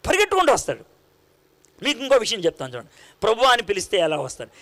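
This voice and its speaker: A man preaching a sermon in an animated, conversational way, full of rhetorical questions to his listeners. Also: high-pitched, very fast.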